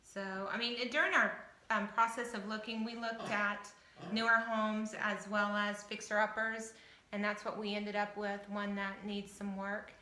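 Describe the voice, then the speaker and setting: A house-hunting show applicant from Southern Ohio, a fifty-year-old American woman, chats casually to camera at a measured pace. Her mid-range voice sounds pushed and bright with little pitch movement, and the echoey room colors the audition-style introduction.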